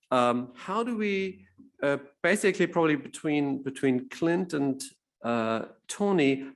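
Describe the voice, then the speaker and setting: A man moderating a discussion panel, halting and searching for words as he sets up questions. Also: medium pitch.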